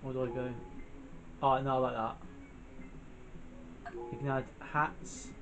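Sitting indoors before a TV screen, a young man who hosts a gaming channel plays a video game and comments casually and spontaneously, frequently muttering to himself. He speaks slowly at a medium pitch in a level tone, with video game music and other background noise behind his voice.

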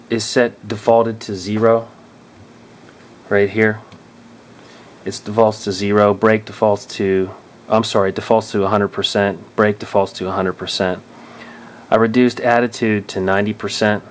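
A man's voice: fairly low pitch, slight background noise. A man explaining drone control settings in a casual tutorial, thinking aloud and often restarting or correcting himself. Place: indoors at a table.

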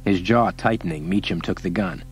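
Low-voiced male audiobook narrator. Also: moderate pace, slight background noise, rough recording. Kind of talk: scripted narration.

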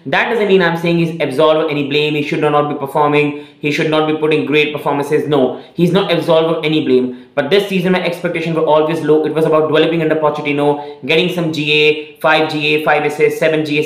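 Young male channel host, fairly high voice, opinionated fan breakdown, echoey room. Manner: opinionated, earnest, repeats phrases with many "again" and "uh" fillers. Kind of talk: casual fan analysis to camera. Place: small room indoors.

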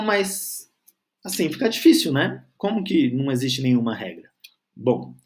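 A man teaching a grammar lesson, patiently stretching out syllables and checking in with the learner. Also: mid-range voice. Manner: patient, spells out syllables slowly, frequent "tá?" and "certo?" checks.

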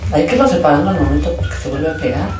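A woman hosts a casual craft tutorial in an enthusiastic, sing-song way. Her voice sits at a middle pitch. It sounds very echoey and set back from the mic, with clear music behind it. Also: animated, rapid-fire. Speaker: host of a slime craft channel. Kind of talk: casual hands-on craft narration. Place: indoors at a tabletop, hands-only shot. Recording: very echoey room, distant mic, background music.

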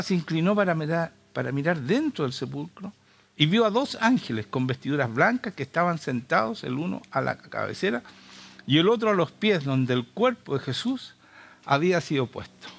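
A man's voice: on the high side, gravelly, fairly bright tone, breathy edge. A Chilean man preaching a sermon with urgent, impassioned rhetorical questions.

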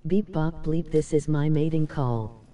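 A woman's voice: low voice, unhurried, dark tone. A woman putting on a stiff, clipped robot voice while chatting during a game. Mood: robotic. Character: robot voice put on by a chat companion.

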